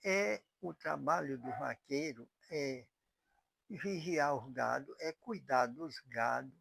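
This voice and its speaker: Gravelly old man from Piauí. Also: mid-range voice, a bit bright, low-quality recording. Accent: Northeastern Brazilian, Piauí. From Piauí, Brazil. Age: 80s. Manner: unhurried, with restarts and rural turns of phrase. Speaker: cowboy telling his life story. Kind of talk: slow spoken self-portrait.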